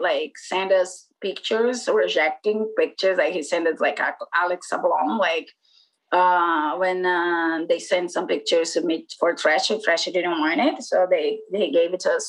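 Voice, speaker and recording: A Brazilian woman in her forties, a skateboarder and former magazine publisher, chats casually in an interview in English, her second language, with a Brazilian Portuguese accent. She rambles, full of "like" and "you know," in a lowish voice on poor audio.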